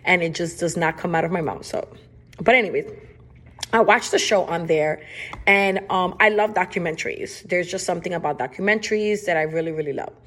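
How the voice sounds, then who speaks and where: A woman's voice: on the low side, fairly quick, fairly bright tone. A woman with a Spanish accent hosting a podcast, talking in a casual, emphatic way and often repeating her phrases. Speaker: podcast host.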